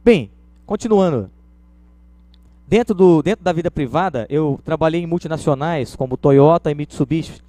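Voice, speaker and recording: A man's voice: on the high side, dark tone, no room sound. A Brazilian man giving a conversational lecture, illustrating points with everyday stories. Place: lecture room.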